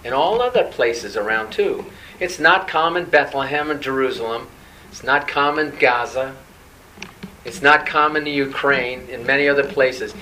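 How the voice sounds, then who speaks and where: A man's voice: mid-range voice, moderate pace, sharp tone, distant mic, a little hiss or hum, rough recording. A male pastor preaching a sermon in a conversational way, often turning to rhetorical questions.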